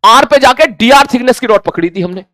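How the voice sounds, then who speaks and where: A man's voice: very high-pitched, lively intonation, a little fast, sharp tone, no room sound, clean studio sound. A man teaching a physics class, acting out back-and-forth dialogue with imagined students in a conversational way. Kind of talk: classroom lecture.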